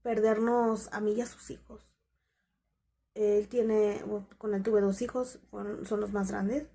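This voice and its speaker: Woman spilling her breakup story, kinda raspy fry voice, soft dark tone. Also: medium pitch, flat delivery, slow. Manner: candid, conversational, quotes past dialogue. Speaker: vlogger. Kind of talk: confessional storytelling.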